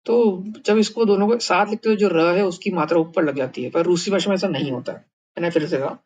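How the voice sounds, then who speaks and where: A man's voice: high voice, fairly quick, darkish tone. A man teaching a language lesson in a casual way, thinking aloud with many fillers and repeated words.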